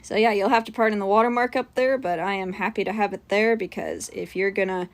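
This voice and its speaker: Casual female livestream host, mid-pitched, a little under the weather, informal and unscripted, talking to chat. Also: fairly even intonation, brisk. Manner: informal, chatting to viewers, trailing asides. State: mildly under the weather with sinus pressure.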